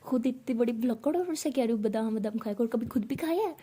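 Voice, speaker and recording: A woman's voice: fairly high pitch, animated, fast talker, mellow, slightly rough. A woman voicing a cheeky, affectionate young woman who scolds her girlfriend in jest. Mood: sassy. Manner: sassy, mock-scolding.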